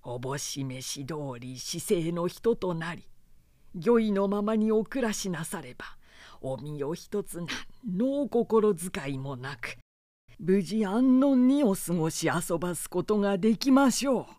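A man's voice: sits high, lively intonation, a little slow, darkish tone, no room sound. A reader voicing a loyal samurai retainer, a man who speaks formally and deferentially yet presses his lord hard. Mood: earnest pressing.

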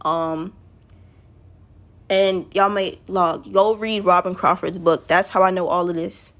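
A woman's voice: on the low side, fairly even intonation, takes it slowly. A woman talking casually to her listeners in a loose, rambling monologue, often correcting herself mid-sentence and calling out to the audience.

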